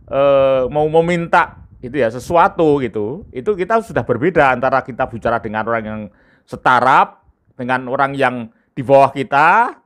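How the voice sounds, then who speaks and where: A middle-aged man giving a spoken lesson on speaking skills, lively and emphatic, often filling pauses with short "ya" and "eh" sounds. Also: mid-range voice. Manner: lively, emphatic, stretches key words; frequent filler "ya" and "eh". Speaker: communication trainer.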